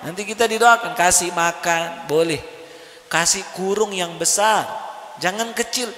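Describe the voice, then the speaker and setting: A man preaching at a religious study gathering, animated and often asking the audience questions. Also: high-pitched, measured pace. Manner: animated, asks the crowd questions. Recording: echoey hall with faint noise.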